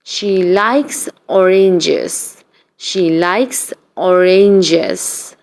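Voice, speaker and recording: Reading short practice sentences for English learners, this woman speaks in a somewhat low voice. She keeps an even, deliberate read-aloud pace and repeats every sentence twice.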